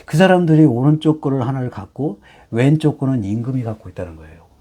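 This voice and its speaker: Dark, husky-voiced male teacher. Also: mid-range voice, lively intonation. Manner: explains slowly with many "예" fillers and rhetorical questions. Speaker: hanja teacher. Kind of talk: lecture.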